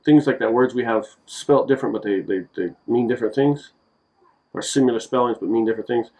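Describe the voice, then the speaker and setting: A man talks through a relaxed, homemade phrase lesson at an everyday pitch. He jokes between examples and says each word again and again so the listener can copy it. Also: brisk, slight background noise, poor audio. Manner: relaxed, joking, repeats words to drill them. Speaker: language teacher. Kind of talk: casual language lesson. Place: Japan.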